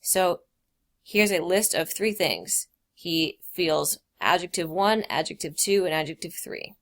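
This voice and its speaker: A woman's voice: on the low side, unhurried, a bit bright. A woman teacher explaining grammar in a recorded lesson, reading out quoted examples with emphasis.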